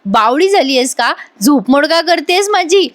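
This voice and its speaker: A woman's voice: high-pitched, lively intonation, unhurried, voice pushed up. A woman voicing a bossy, sleepy young husband who grumbles and teases his wife in a retold serial scene. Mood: grumbling.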